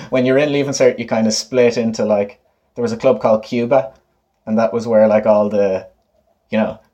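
A man's voice: mid-range voice, warm tone. A man in his late twenties with a west of Ireland accent, chatting casually and informally as an interview guest. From Galway, west of Ireland. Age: late 20s. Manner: informal, often laughing. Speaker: guest, musician and DJ.

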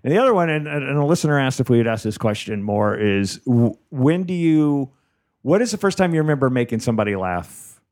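A man's voice: mid-range voice, lively intonation, a little fast, a little mellow. A man hosting a casual comedy chat, his speech slightly slurred by braces in his mouth. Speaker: podcast host.

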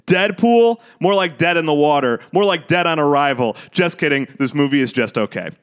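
Male podcast co-host, slightly high voice, joking and animated. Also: fairly quick, clean tone. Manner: jokey, animated, laughs often. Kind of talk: casual chat.

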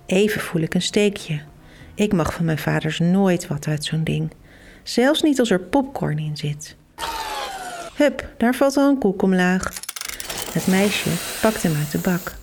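A young adult woman hosting and reading a children's book aloud as a lively storyteller who gives the characters' lines their own voices. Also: lowish voice, a little slow, slight background noise. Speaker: host and storybook reader.

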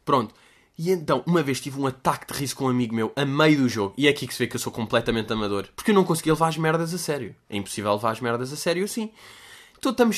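A man in his twenties with a European Portuguese accent, hosting a casual solo podcast in a rambling, slangy, joking way, now and then breaking into loud shouted bits. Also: on the high side. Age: 20s. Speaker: podcast host.

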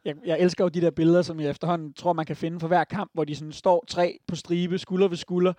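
A man's voice: fairly high pitch, flat delivery, dark tone, dry recording. A Danish man giving strong opinions on football in a casual podcast chat, with many fillers. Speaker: podcast panelist.

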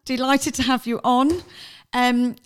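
A woman's voice: high voice, steady tone, takes it slowly, clean tone. A woman hosting a podcast, chatting informally with her guest in a casual interview style. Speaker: podcast host.

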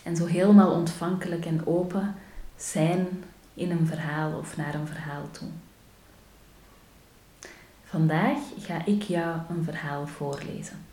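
A woman hosting a short daily podcast, gently reading a story aloud in a calm, unhurried way. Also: low-pitched. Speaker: podcast host. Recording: roomy echo.

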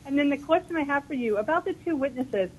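An eager woman talks fast and freely from a speakerphone on a phone line. Her voice sits fairly high, with a faint hiss behind it. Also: expressive. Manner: chatty, eager. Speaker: caller. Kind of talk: call-in radio chat.

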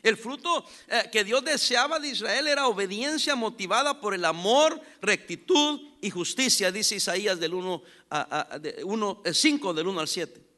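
High bright-voiced pastor preaching. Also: male voice, expressive, normal speed, few pauses. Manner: storytelling with acted-out dialogue, loud emphatic bursts. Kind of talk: sermon.

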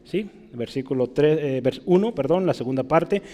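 A pastor giving a conversational sermon, often checking in with his congregation with quick questions. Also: on the high side, lively intonation, warm tone. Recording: reverberant hall.

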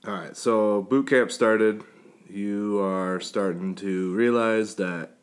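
A man's voice: fairly low pitch, steady tone, slow. A man hosting an interview, asking short questions and summing up his guest's answers. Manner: brief prompts and summaries. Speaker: interviewer, podcast host.

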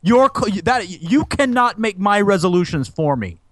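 High-voiced teasing young man. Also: expressive, moderate pace, a bit bright, no echo. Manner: teasing, mock-dramatic complaints. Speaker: podcast co-host. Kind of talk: casual podcast chat.

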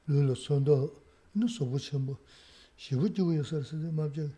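A man speaking in a measured, casual way with soft hums between phrases. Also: a little high.

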